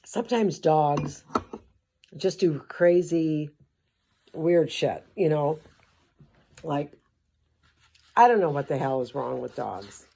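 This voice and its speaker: A woman's voice: low voice, lively intonation, slow pace, gravelly, pauses often, dark tone, slightly rough. An older woman reading a children's book aloud and breaking off into sarcastic, rambling asides with mild swearing. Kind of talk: comic storybook commentary.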